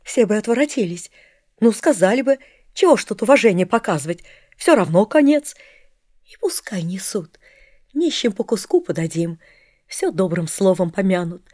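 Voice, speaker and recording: A woman's voice: mid-range voice, very animated, normal speed, dark tone, no room sound, studio quality. A woman reading an audiobook, voicing a pious, fiery old male carpenter who scolds in urgent outbursts. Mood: reasoning.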